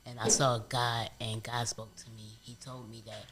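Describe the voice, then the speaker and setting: A man, a guest on a casual couch interview, telling stories in an animated way with street slang. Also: medium pitch, moderate pace.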